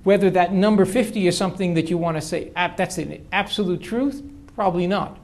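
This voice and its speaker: A high-sitting, darkish voice at a brisk pace comes from an older political science professor. He answers questions from the audience at length in a lecture hall, frequently restarting.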